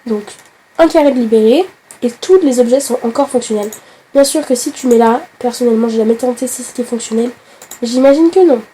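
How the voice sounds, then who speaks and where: A woman with a hoarse voice from a flu, chatting straight to the viewer in a casual game tutorial, with hesitant fillers. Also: a little high, brisk, mellow. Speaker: gaming tutorial host.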